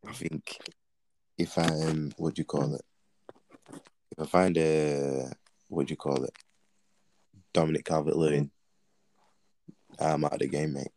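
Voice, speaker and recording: Very deep-voiced young Londoner, halting delivery. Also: male voice, flat delivery, warm tone, dry recording, rough recording. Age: young adult. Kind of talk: casual banter chat.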